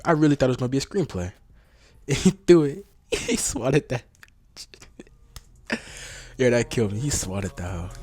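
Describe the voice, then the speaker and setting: Slangy, excitable young man. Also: medium pitch, normal speed, pauses often, breathy edge. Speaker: vlogger. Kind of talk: casual commentary on old game footage.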